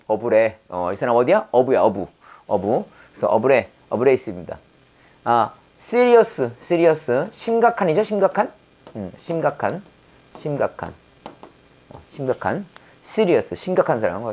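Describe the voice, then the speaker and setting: A woman's voice: very deep voice, a little mellow. A woman teaching English vocabulary to a Korean-speaking audience with memory tricks, repeating each word and quizzing the listener. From South Korea. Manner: repeats words and quizzes the viewer, drawn-out pronunciation drills. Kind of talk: vocabulary lesson with mnemonic wordplay.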